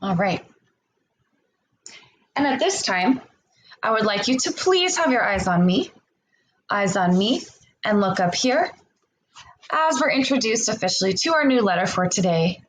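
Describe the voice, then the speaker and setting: A woman teaching a remote phonics lesson to young children, enunciating deliberately, sounding out word parts separately and prompting with encouraging questions. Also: mid-range voice, very animated, slight background noise, low-quality recording.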